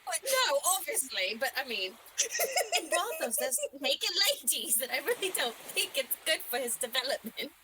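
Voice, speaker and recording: A woman's voice: high-pitched, very animated, normal speed. A woman playing a tabletop game, speaking in a prim, scolding manner. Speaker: player. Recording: loud background noise.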